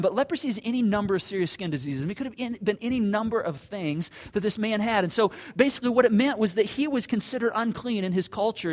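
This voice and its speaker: A man with a fairly high voice preaches a sermon. He talks earnestly, doubling up words as he builds toward a point. On the solemn lines his voice sinks low and quiet. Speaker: pastor.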